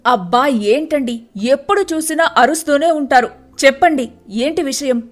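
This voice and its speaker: A woman's voice: high voice, moderate pace, faint music behind, close to an everyday voice. A woman voicing a timid, put-upon wife who answers her husband with mild exasperation. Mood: exasperated. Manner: exasperated, complaining.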